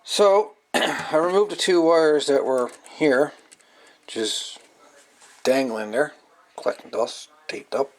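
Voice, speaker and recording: A hobbyist radio repairer with a voice on the high side talks slowly while presenting a hands-on repair at his indoor workbench. The explanation is casual, matter-of-fact and improvised, and the amateur camera recording is noisy.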